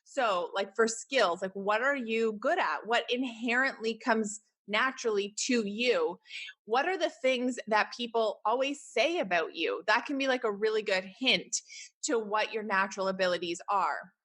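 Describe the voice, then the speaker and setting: A woman's voice: on the high side, moderate pace, a bit bright. Chatty Canadian woman podcast host. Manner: chatty, encouraging, many fillers like "like" and "right?". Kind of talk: casual solo podcast.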